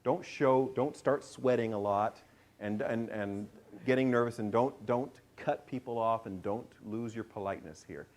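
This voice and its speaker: A man's voice: mid-range voice, moderate pace. A middle-aged man giving a lecture on presentation skills, often putting questions to his listeners. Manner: lively, asks the audience questions. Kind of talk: classroom lecture.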